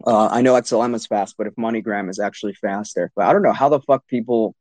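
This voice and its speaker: A man's voice: fairly low pitch, fast, a little mellow, no echo. A man hosting a casual, hyped live talk show in frat bro slang, swearing freely. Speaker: crypto show host.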